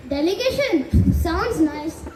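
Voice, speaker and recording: A woman's voice: extremely high pitch, animated, slow, background noise, exaggerated voice. A woman playing a pleading human devotee in an amateur stage skit, with declamatory delivery. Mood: questioning. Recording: echoey stage recording, loud crowd behind.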